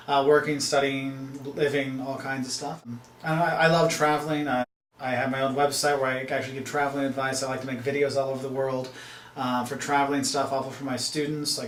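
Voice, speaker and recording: A man in his thirties, a marketing professor who hosts travel videos, talks casually to camera, rambling and chatty, full of fillers and restarts. His mid-range voice has a fairly bright tone. The sound is roomy, with slight background noise.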